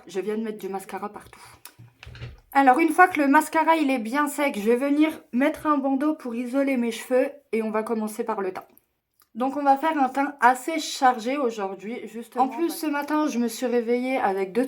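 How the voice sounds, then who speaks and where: A young woman chatting her way through a makeup tutorial, explaining each step and joking at her own expense. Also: fairly high pitch. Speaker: beauty vlogger.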